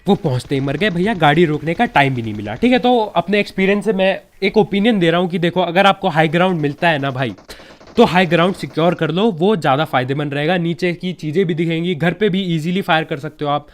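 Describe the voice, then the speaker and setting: A young man talks through game tips in a loose, chatty voice-over, pitched a touch higher than most men. He has a slight cold and keeps tossing in friendly asides to his viewers. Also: quick pace. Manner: chatty, keeps saying yaar and bhai, relaxed advice. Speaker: gaming YouTuber giving tips. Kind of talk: casual gameplay commentary.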